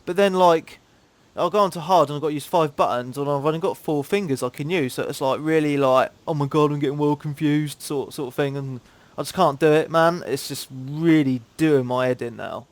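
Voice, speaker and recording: A man's voice: a little high, a little fast, no room sound. A man from Cambridge with a southern English accent, hosting a gaming podcast in laid-back, slangy casual chat. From Cambridge, England.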